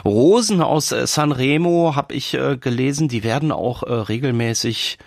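A male radio presenter speaks in a lively, chatty way from a studio. The sound is close and dry, with no room echo. His pitch sits in a middle range for a man. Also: normal speed, vocal fry. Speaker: radio host. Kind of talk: radio presenting and caller chat. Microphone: studio microphone.

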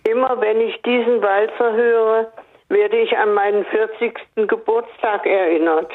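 An older woman from northern Hesse calling in to a radio show, speaking slowly and hesitantly, with many pauses and fillers. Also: a little high, fairly even intonation. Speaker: radio caller. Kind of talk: phone-in chat on radio. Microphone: telephone. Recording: tinny phone line.

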